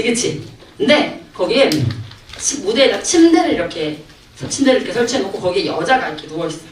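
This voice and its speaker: Animated woman lecturing in an echoey hall. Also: on the high side, slight background noise. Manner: animated, keeps asking the audience questions. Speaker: missionary lecturer. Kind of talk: youth camp lecture. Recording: echoey hall from a distant mic.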